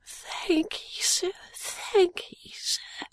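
A woman voicing a weak, dying street boy who talks in dialect with faint, halting whispers. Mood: feeble. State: weak and breathless.

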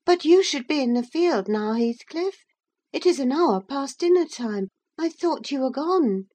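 A woman acts out a flighty teenage girl from a classic storybook. Her voice is pitched high and swoops about, with a peevish, exclaiming petulance. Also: lively intonation, a little slow, dark tone. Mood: evasive, uneasy. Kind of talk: audiobook character acting.

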